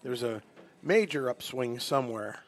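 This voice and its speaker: A man giving color commentary on a high school softball broadcast, chatty and explaining stats and schedule changes. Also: lively intonation, normal speed.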